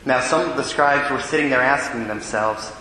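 A man serving as priest, reading the gospel and preaching in a large church with a cathedral echo, measured and solemn. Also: mid-range voice, bright, forceful tone. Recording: long echoey church reverb, faint hiss.

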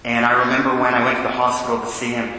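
A man serving as priest, reading the gospel and preaching in a large church with a cathedral echo, measured and solemn. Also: mid-range voice, completely flat delivery, pushed and bright. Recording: long echoey church reverb, faint hiss.

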